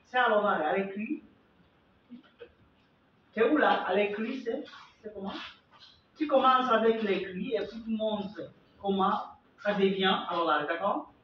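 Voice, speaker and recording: A man teaching a French class, slowly repeating phrases and examples for his learners. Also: high voice, slight background noise. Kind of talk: classroom language lesson. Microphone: far from the mic. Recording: echoey classroom from far off, dull lo-fi sound.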